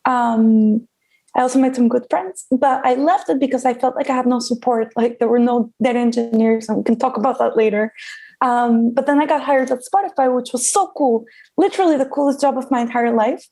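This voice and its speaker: Woman guest from Costa Rica, 30s, mellow and gravelly, chatty with lots of ums. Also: a little high, a little fast. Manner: chatty, frequent ums, laughs easily. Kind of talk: casual interview.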